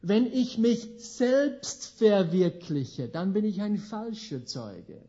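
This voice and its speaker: A middle-aged man delivers a sermon in a slow, deliberate cadence, lingering on the words he wants to land. His voice is mellow and dark, and he keeps turning to the listeners with rhetorical questions. The recording sounds dull and lo-fi. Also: high-pitched, big pitch swings. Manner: emphatic, swinging between slow stressed words and quick asides. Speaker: preacher.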